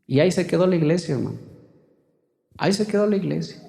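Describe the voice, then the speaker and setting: High-voiced male pastor preaching in an echoey hall. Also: animated, fast, gravelly, mellow. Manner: preaching with rising, calling out to the congregation. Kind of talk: sermon. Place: church hall. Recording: echoey church hall with long reverb.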